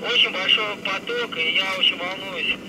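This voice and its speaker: A man's voice: high-pitched, wildly swooping pitch, unhurried. Give me a man over a crackly two-way radio. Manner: terse radio calls ending in over. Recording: distant noisy radio transmission.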